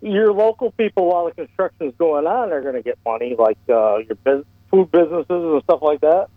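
A man's voice: fairly high pitch, expressive, fairly quick, no room sound. A male caller to a radio talk show, talking bluntly and plainly over a clipped, crackly phone line. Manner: blunt, plain-spoken, rambling. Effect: clipped, bad phone line. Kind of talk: casual call-in chat.

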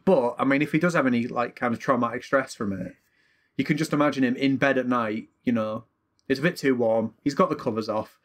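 A man's voice: mid-range voice, a little fast. A young man from Northern England co-hosting a podcast, chatting casually and joking with lots of laughter. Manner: jokey, laughs a lot. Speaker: podcast co-host. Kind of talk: casual chat.

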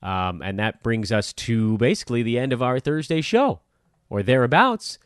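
Lively, upbeat podcast host, dry close sound. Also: male voice, mid-range voice, normal speed, smooth, no room sound. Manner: upbeat, rambling, self-deprecating. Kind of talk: casual podcast outro.

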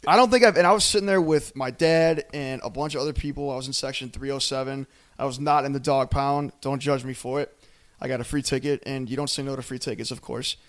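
A male sports podcast co-host talks casually in a hoarse, strained voice. It rasps as if worn out from shouting, at an ordinary male pitch. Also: steady tone, fast. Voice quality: raspy, strained voice. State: hoarse, voice lost from yelling. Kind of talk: casual sports fan chat.

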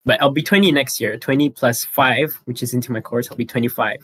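A man's voice: mid-range voice, brisk, a bit bright, husky. A young man of about nineteen, chatting as a podcast co-host and explaining things earnestly, step by step. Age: teens. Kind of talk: casual chat.

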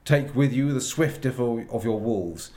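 A man's voice: mid-range voice, lively intonation, unhurried, warm tone, voice pushed up, lightly acted. A man reading aloud and voicing an imperious, cruel witch queen with clipped commands. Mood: commanding.

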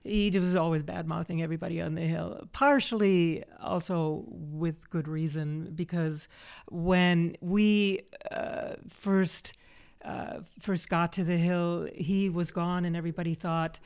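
A woman co-hosting a podcast, recalling old neighbors with lively amusement and frequent laughter. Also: on the low side, unhurried, gravelly, clean tone. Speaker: podcast co-host. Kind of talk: casual reminiscing conversation.

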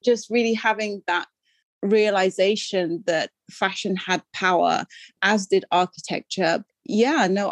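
A woman's voice: lowish voice, no echo. Reflective older woman guest from Sudan. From Sudan, raised in London. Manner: reflective, storytelling, self-deprecating. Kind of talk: podcast interview.

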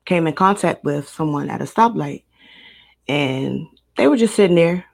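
A woman in her twenties from Maryland, a guest recounting a personal story in a casual interview, steady and matter-of-fact. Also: sits low, normal speed, vocal fry. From Maryland, United States. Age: 20s.

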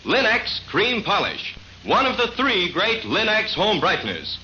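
A man's voice: sits high, huge pitch swings, slow pace, sharp tone. A man reading a scripted, chipper 1950s radio advertisement with polished, emphatic salesmanship. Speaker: radio announcer reading sponsor ad. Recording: muffled vintage radio recording, faint noise.

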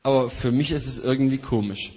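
A man's voice: medium pitch, fairly quick, a little mellow, breathy edge. Man interpreting a sermon, echoey hall. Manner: follows the preacher's energy, hesitant fillers.

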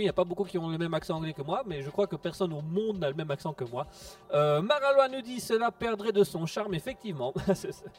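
A man hosting a casual radio show, reading out listener messages with relaxed jokes that trail off into low mutters. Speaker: radio host. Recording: distant mic with music behind.

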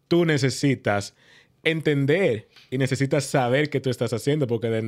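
A man with a Dominican accent and a mid-pitched voice takes part in a discussion. He talks conversationally and explains his points step by step with examples. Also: a little mellow. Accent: Dominican Spanish. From Dominican Republic.

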